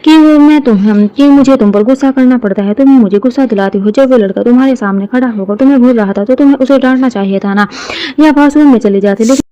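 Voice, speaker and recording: Woman doing a arrogant young rich man, mocking, commanding, fast, mellow tone, dull lo-fi sound. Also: fairly high pitch, close to an everyday voice. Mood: stern. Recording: dull lo-fi recording.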